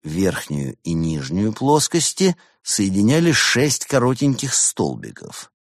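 A man narrating an audiobook in an expressive storytelling manner. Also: fairly low pitch, slow pace, no room sound, clean studio sound.

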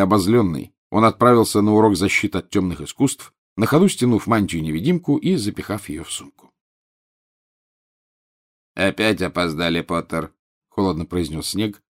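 A man narrating an audiobook in an expressive, measured reading. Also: on the low side. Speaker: audiobook reader. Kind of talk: scripted narration.

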